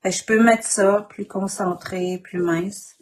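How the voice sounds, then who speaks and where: A woman with a Quebec French accent and a husky morning voice, informally demonstrating an art technique and often clearing her throat. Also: medium pitch, fairly even intonation, unhurried. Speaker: craft instructor. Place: indoor craft worktable.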